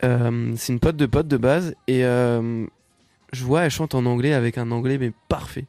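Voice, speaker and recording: A man's voice: medium pitch, fairly even intonation, moderate pace, dark tone, no echo. A man, a music producer, telling stories casually as a podcast guest, with lots of hesitation and restarts. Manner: rambling storyteller, many fillers and restarts.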